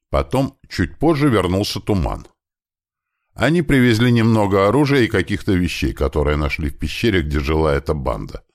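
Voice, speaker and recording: A man reading a first-person adventure audiobook in a relaxed, conversational storytelling manner. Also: a bass voice, gravelly. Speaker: audiobook narrator.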